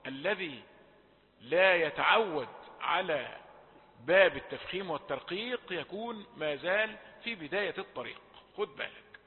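A man with an Egyptian accent teaching recitation rules, moving between formal and colloquial speech and drawing out example words slowly. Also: high voice, expressive. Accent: Egyptian Arabic. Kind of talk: tajweed lesson. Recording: tinny phone-like audio, long reverb.

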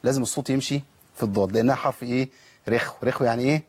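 Egyptian man, husky-voiced and brisk, teaching tajweed, demonstrates each sound carefully. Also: medium pitch, a little mellow. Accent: Egyptian Arabic. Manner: patient, corrects and models pronunciation step by step. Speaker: Quran recitation teacher. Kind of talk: televised tajweed lesson.

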